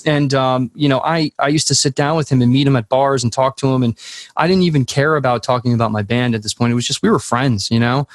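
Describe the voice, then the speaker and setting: A man in a casual podcast chat who tells stories with lots of swearing and energy. His voice sits at an ordinary middle pitch. The recording is dry and close to the mic. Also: fast, no room sound. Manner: profane, animated storytelling.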